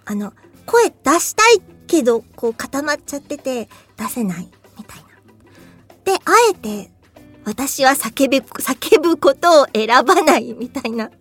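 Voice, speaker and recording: A woman's voice: high-pitched, lively intonation, a little slow, faint music behind. A voice actress chatting casually on her own show, laughing easily and now and then acting out a scream. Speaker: voice actress hosting a talk show. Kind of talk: casual solo chat.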